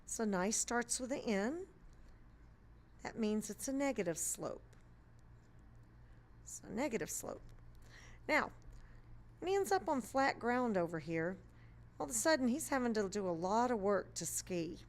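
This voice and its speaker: A woman's voice: on the high side, lively intonation, a little slow, long pauses. A woman math teacher narrating a screencast lesson, explaining step by step in a patient way with playful memory tricks.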